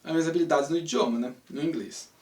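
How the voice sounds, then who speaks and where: Talking fast in a slightly high voice with a darkish tone, this channel host, an English teacher from Brazil in his thirties, rambles through a casual monologue full of rhetorical and tag questions. His accent is Brazilian Portuguese, and a distant mic gives the recording a roomy feel.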